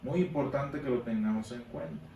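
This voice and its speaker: A man teaching a Sunday school Bible class, emphatic, repeating words for stress and pausing on fillers. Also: mid-range voice, dark tone, muffled recording. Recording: echoey room from a distance, faint background noise.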